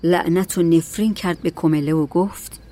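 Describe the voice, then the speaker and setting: A woman narrating a story in a calm, measured audiobook reading. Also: on the low side.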